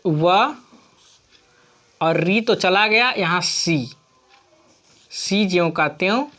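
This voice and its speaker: A woman's voice: on the low side, fairly bright tone. A woman teacher explaining grammar rules on screen, patiently asking questions and answering them herself. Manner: slow, patient, asks and answers her own questions.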